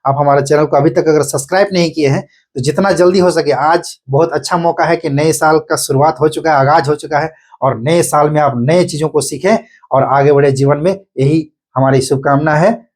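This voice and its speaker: Indian-accented male grammar teacher, husky and a bit high, quizzes himself aloud as he explains. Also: steady tone, normal speed, darkish tone. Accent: Indian English. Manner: repeats points, asks and answers his own questions. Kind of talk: explanatory online lesson.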